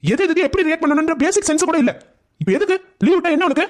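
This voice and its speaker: A performer voicing a gruff scolding cartoon husband. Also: extremely high pitch, lively intonation, racing. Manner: blunt, scolding, impatient. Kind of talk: cartoon family drama voice acting.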